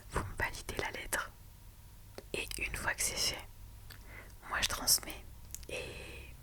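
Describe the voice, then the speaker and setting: A woman whispering softly and slowly in an ASMR roleplay as a reassuring lawyer, with many calm "ok"s. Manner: soft, slow and soothing, with many "ok" and "d'accord". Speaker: lawyer in a client meeting roleplay.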